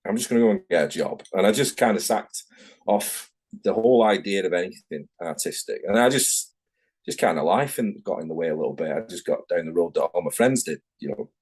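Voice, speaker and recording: This tattoo artist guest is a middle-aged Mancunian whose low-pitched voice is brisk and a little mellow, with lively intonation and a breathy edge. Over a video call, he gives a casual interview in Manchester English, rambling, speaking frankly and often correcting himself.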